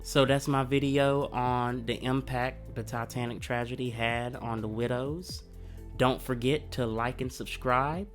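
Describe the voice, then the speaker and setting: Unhurried and steady in tone, a man with a mid-range voice hosts a history channel, offering reflective commentary while coming down with a cold. He talks earnestly and conversationally over soft background music.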